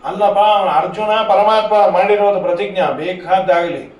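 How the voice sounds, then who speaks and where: A man's voice: high-pitched, steady tone, normal speed. A man giving a humorous devotional discourse and telling stories. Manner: humorous, chatty, sings verses. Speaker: religious discourse speaker. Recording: echoey hall, distant mic, faint noise.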